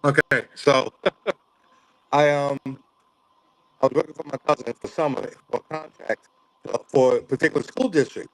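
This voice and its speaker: A man's voice: mid-range voice, fairly even intonation, a little slow, pauses often, dry recording, low-quality recording. A man telling a story in casual chat over a remote online call, his audio choppy and cutting in and out. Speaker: panel guest on a live stream.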